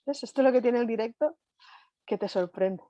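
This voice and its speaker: A woman's voice: on the high side, normal speed, mellow, no room sound. A woman from Spain giving a live online lecture, talking conversationally and constantly checking in with her audience.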